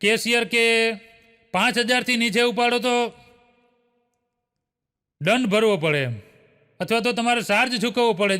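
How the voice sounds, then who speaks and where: A man's voice: high-pitched, sharp tone, smooth. A man telling a string of short jokes, chuckling often as he goes. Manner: brisk storytelling, chuckling often, tags lines with a filler. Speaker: joke teller. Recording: long hall reverb.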